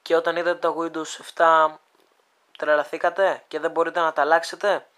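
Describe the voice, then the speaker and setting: Smooth clear voice, casual phone app demo, halting, thinking aloud, friendly toward viewers. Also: mid-range voice, level tone, fairly bright tone. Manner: hesitant, thinking aloud, many fillers. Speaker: video creator demonstrating a phone app. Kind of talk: casual screen demo walkthrough.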